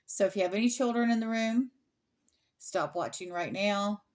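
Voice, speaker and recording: A middle-aged woman hosting an informal Bible study, reading scripture aloud and explaining it in a frank, unhurried way with pauses and restarts. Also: mid-range voice, a little mellow.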